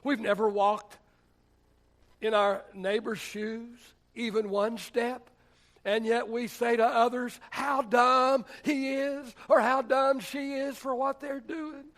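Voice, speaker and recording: A man's voice: very high-pitched, little pitch movement, slow, a bit bright. A man, a pastor, preaching a sermon in a church in a conversational, humorous storytelling way. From United States.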